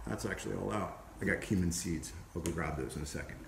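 A man's voice: sits low, fast talker. A man in his forties hosting a casual home cooking vlog, chatting playfully to the camera while he chops vegetables in his kitchen. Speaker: cooking show host. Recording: echoey kitchen with clear background noise.

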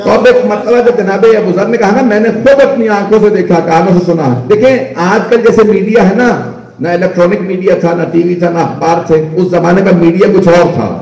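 A male cleric delivering an impassioned religious sermon in a crowded mosque, questioning the congregation directly and building to shouted emphasis. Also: sits high, fairly quick. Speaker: Shia cleric preaching at a majlis. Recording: echoey mosque from a distance.

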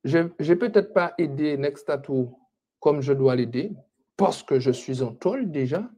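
A man's voice: fairly high pitch, animated, a little slow, warm tone, dull audio. A man hosting a casual live stream, teasing and scolding his viewers and laughing often. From French Antilles.

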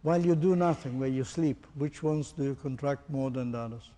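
A man's voice: mid-range voice, a little fast, dark tone, in a large hall. A man teaching a group, asking pointed questions and demonstrating with his own body. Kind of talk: interactive lecture to a group.

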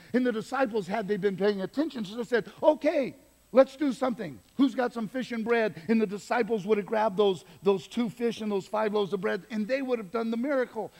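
Man, pastor, emphatic sermon, high-pitched voice, long church-hall reverb. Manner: animated, emphatic preaching with asides. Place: church sanctuary.

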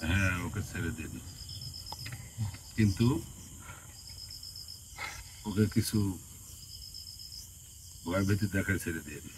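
A stern male guardian spirit, voiced by a man, speaks slowly and with authority. His voice sits very low and deep. A clear hiss of noise runs through the recording. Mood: assured. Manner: slow, scolding and authoritative. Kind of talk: possession session. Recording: noisy recording.

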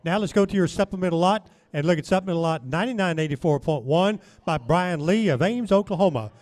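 Male auction announcer, slightly high voice, formal lot-by-lot reading. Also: quick pace, a little mellow.

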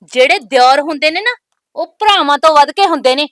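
A defiant young bride. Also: female voice, high voice, animated, a little fast, fairly bright tone, dry recording. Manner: bold, scolding, proverb-laden retorts. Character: sharp-tongued young newly married woman, defiant. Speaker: actress. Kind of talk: village family drama acting.

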